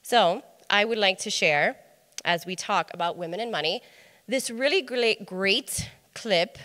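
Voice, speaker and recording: A woman speaker telling a personal story on a conference stage, lively and acting out the dialogue. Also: mid-range voice, a little slow. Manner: animated storyteller, acts out dialogue. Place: large hotel conference hall. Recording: echoey conference hall.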